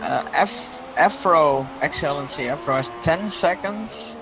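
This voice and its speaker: Noisy recording, slightly high male race co-commentator. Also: animated, unhurried, gravelly. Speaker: motorsport co-commentator.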